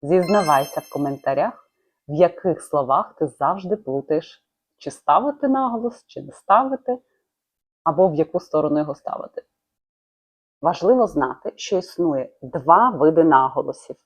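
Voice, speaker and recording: A woman giving a short, calm language lesson, explaining clearly with examples. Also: deep voice, normal speed. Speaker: Italian language teacher.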